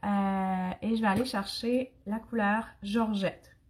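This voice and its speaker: A young woman with an Acadian French accent talks viewers through a makeup tutorial in a casual, chatty way. She is sick, and her throat is irritated. Her voice sits at an ordinary middle pitch for a woman. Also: steady tone, takes it slowly. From Canada. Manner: chatty, addresses viewers and live commenters. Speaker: makeup demonstrator.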